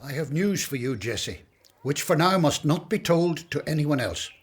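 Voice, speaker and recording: An actor playing a wise, kindly elderly prophet in a radio drama, speaking in a measured, reassuring way. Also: male voice, on the high side, expressive, husky. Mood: grave.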